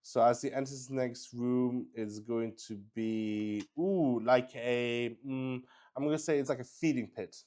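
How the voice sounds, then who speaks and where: Hosting a solo RPG, a man narrates off the cuff, halting and repeating himself, and his excitement spills into mild swearing. The pitch of his voice is medium.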